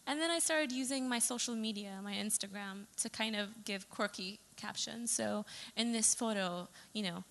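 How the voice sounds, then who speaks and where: A woman's voice: medium pitch, moderate pace, vocal fry, hardly any pauses, fairly bright tone. A young adult woman, a photographer from Saudi Arabia, giving a chatty presentation talk with fillers and self-corrections. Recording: long reverb of a hall.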